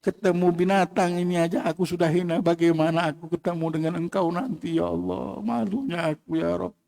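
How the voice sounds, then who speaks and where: A man's voice: high voice, fairly even intonation, fairly quick, vocal fry, darkish tone. A man playing a humble, ashamed saint. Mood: ashamed prayer. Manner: pleading, self-reproaching. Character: humble old male saint, shaken and ashamed.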